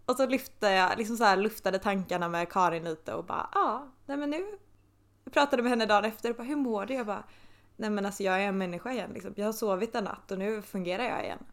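Young woman on a podcast, mid-range voice, chatty, quotes herself a lot, lots of filler. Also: medium pitch. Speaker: podcast co-host. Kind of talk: casual chat.

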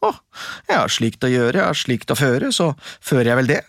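A storyteller voicing a cheerful young lad in a folk tale, calling out high and excited in sing-song. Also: creaky, no room sound, clean studio sound. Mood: content. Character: cheerful young male hero, proud of his finds. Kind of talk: storybook reading.

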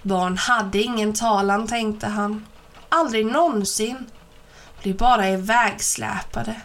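A woman narrating a children's storybook aloud in a steady, expressive reading. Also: mid-range voice.

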